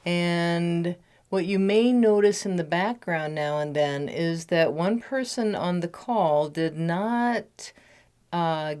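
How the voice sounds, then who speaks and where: A woman, a meditation teacher, leading a guided mindfulness meditation over a phone call. She speaks gently and keeps talking steadily. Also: lowish voice, smooth. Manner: gentle, talks a lot to cover background noise.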